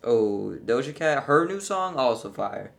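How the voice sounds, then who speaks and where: A man's voice: mid-range voice, big pitch swings, unhurried, vocal fry. A young man guesting on a casual music podcast. He speaks bluntly and drily, with plenty of slang. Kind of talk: casual chat.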